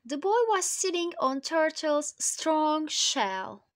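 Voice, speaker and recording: A woman reading a storybook aloud to children, slow and expressive, speaking to them directly. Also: high voice.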